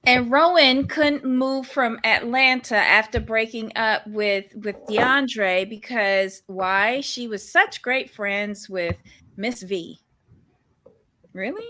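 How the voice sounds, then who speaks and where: Here a woman's slightly high voice comes out slow, bright and forceful. She's a podcast co-host reviewing a reality show, chatting casually with sass, bluntness and exasperated reactions.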